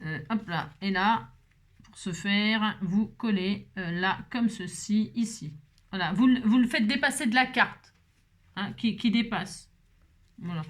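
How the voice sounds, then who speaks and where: A woman hosting a crafting tutorial, chatting to viewers as she works, with a slightly hoarse voice. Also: medium pitch, measured pace. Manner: rambling, talks to viewers while working, many fillers.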